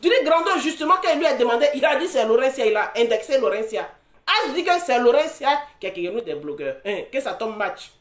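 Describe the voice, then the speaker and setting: A woman's voice: fairly high pitch, big pitch swings, brisk, reverberant. A woman arguing heatedly in a live online dispute, confronting the other speaker with repeated accusations and mocking laughs. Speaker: social media commentator.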